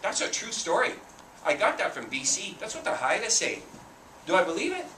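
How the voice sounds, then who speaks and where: Lively male storyteller reading to children. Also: high voice, brisk, a little hiss or hum. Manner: animated, talks to the children, asks questions. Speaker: author and storyteller. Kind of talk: reading a picture book to children. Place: school room. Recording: roomy, distant mic.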